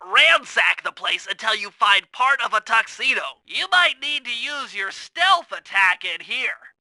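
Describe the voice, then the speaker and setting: In this video game voice acting, a nerdy young male cartoon turtle serves as the brainy, earnest gadget expert and strategist, giving precise, wordy technical instructions in a focused, explanatory mood. His voice is very high-pitched, extremely sharp and bright, animated yet a little slow, fussy and heavily acted. The close recording is very dry.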